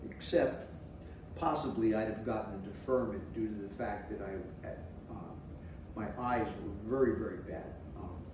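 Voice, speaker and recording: A New Jersey man in his sixties, with a fairly low voice, rambles and hesitates as he shares memories in an unscripted oral-history interview. The room echoes, the mic is placed at a distance, and there's a faint layer of noise.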